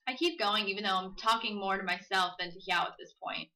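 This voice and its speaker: A woman's voice: medium pitch, steady tone, pushed and bright, poor audio. A woman playing through a visual novel, reading its text aloud and joking about it between lines. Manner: playful, drawls dialogue slowly for comic emphasis. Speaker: let's play host.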